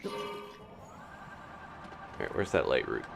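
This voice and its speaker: A man streams video games and gives casual live commentary at a slow pace over music, musing to himself and thinking aloud as he plays.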